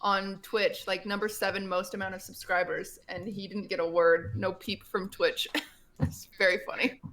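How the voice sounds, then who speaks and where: A woman's voice: medium pitch, level tone, normal speed, fairly bright tone. A woman chatting casually on a group stream, gossiping and laughing often. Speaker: streamer co-host.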